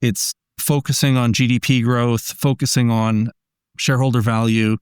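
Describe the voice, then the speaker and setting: A man's voice: mid-range voice, flat delivery, moderate pace, clean tone, no echo, clean studio sound. A man as a podcast guest, explaining ideas earnestly in casual conversation, often restarting his sentences.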